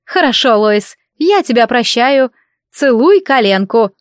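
A woman's voice: sits high, animated, a little fast, no echo, pitched above the performer's own voice. An imperious sorceress mother who snaps out her conditions in a raised, clipped voice, as a woman reading the story gives her lines. The sound is close and dry, with no room around it. She talks like a queen granting favors. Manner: curt and imperious. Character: proud, sharp-tongued mother, a woman sorceress.

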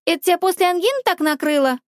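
A woman reading a sarcastic teenage schoolgirl in an audiobook, high-pitched and biting, quick to mock and quick to flare up. The sound is close and dry, with no room around it. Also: animated, no echo. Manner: mocking, then shouting.

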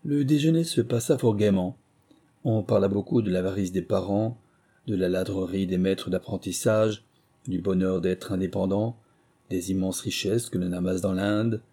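A man narrating memoirs as an audiobook, in a measured storytelling manner. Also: low-pitched, mellow, husky.

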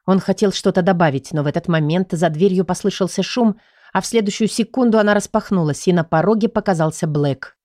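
Female narrator for a first-person novel, low register, dead-dry booth sound. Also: fairly quick, a little mellow, no room sound. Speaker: audiobook narrator.

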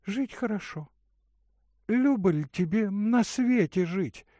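A man reads the part of a gentle young woman caring for a sick man, giving her a soft, singsong lilt in a high, lively voice with full character work. The tender delivery is unhurried, recorded close and dry.

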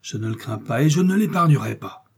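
A man's voice: medium pitch, lively intonation, fairly quick, vocal fry, a little mellow, slightly rough. A man voicing a fervent young puritan officer in an audiobook, with exalted, pleading outbursts. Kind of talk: audiobook character reading.

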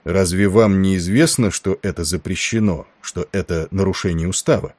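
Guy doing gruff tired old navy captain, really low dark voice, slow and bossy, audiobook. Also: no echo. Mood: stern. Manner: gruff, commanding, weary. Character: stern ailing older male ship captain.

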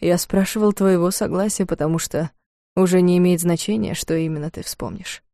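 Storybook fiancé, calm and self-possessed, quiet and slow, read by a woman, mellow low voice. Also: dry recording, studio quality, close to an everyday voice.

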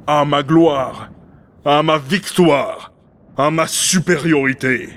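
An actor playing a pompous, megalomaniac city mayor who speaks in grand declamatory tones. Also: male voice, fairly high pitch. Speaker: mayor character. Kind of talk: amateur audio drama acting.

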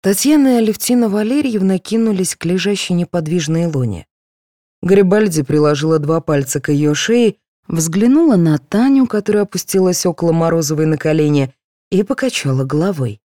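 A woman narrating an audiobook in an expressive storytelling manner. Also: lowish voice, fairly quick, no echo, clean studio sound. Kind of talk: scripted narration.

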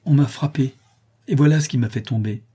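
A man's voice: medium pitch, brisk, mellow, slightly rough, lightly acted. A man voicing a proud, unhappy orphan girl of about nine in an audiobook, speaking earnestly and indignantly.

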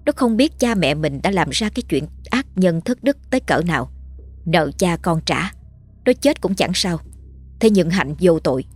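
A woman's voice: on the low side, sing-song, normal speed, a little mellow, breathy edge. A woman storyteller giving a dramatic, scripted horror narration. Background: faint music.

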